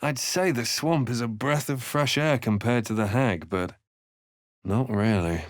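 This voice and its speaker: A man playing a serious, articulate fantasy hero in a game, with deliberate and grave dramatic delivery. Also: mid-range voice, no echo, studio quality, lightly acted. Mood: serious, musing. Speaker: player character voice actor.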